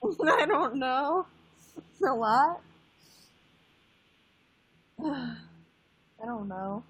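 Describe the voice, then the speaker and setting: A woman's voice: sits high, sing-song, drawn-out words, a bit bright, a little hiss or hum, low-quality recording. An eighteen-year-old woman chatting casually on a livestream, laid-back and swearing offhandedly. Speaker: livestream guest. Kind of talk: casual chat.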